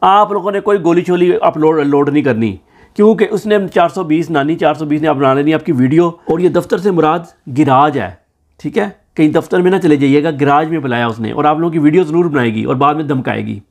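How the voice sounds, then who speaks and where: A man with a Pakistani Urdu accent runs his own political news commentary. His voice sits fairly high. He talks with a sarcastic, mocking edge. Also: brisk, darkish tone.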